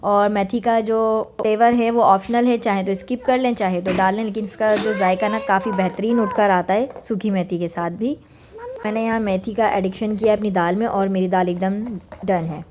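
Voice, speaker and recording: A woman's voice: medium pitch, fairly even intonation, moderate pace, background noise. Woman in her thirties, cooking vlogger voice-over, chatty and homely, mixes in English words. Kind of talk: casual voice-over narration. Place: home kitchen.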